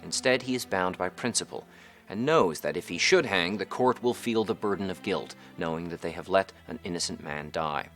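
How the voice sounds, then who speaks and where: A man reading a scripted plot summary in a measured, evenly paced way, with faint music behind. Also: sits low, fairly bright tone. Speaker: narrator. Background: faint background music.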